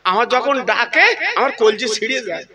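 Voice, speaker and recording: A man preaching a comic Islamic sermon to a crowd, joking, shouting and turning emotional. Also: very high voice, moderate pace. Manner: humorous, shouting, emotional swings, addresses crowd.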